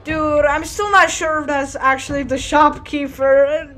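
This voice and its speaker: High-voiced woman gamer, casual commentary. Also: steady tone, measured pace, fairly bright tone, slight background noise. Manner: casual, surprised, slangy reactions. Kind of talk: let's play commentary. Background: game music.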